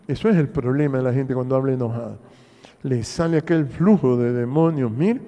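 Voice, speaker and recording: A pastor with a Honduran Spanish accent preaches in a church hall, posing rhetorical questions to the congregation as long reverb trails his words. His voice is mid-range with a dark tone.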